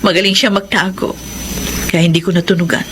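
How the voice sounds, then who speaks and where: A woman's voice: lowish voice, flat delivery, brisk, a little hiss or hum, natural voice. A woman playing a wronged, sorrowful young wife and mother in a radio melodrama, plaintive and resigned. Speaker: radio drama actor. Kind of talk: melodramatic radio drama acting. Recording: radio drama with loud music.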